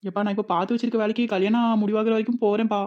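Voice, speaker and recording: Cartoon casting: a woman playing a sassy, fast-talking village daughter with a Tirunelveli accent, dull lo-fi sound. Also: mid-range voice, little pitch movement, natural voice. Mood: defiant. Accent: Tirunelveli Tamil. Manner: cheeky, quick talking back.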